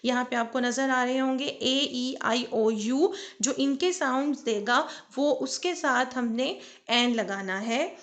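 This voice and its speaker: A woman teaching English grammar in a tutorial, explaining rules at length and reading the English example phrases out slowly and deliberately. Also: sits high. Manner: frequent fillers and restarts.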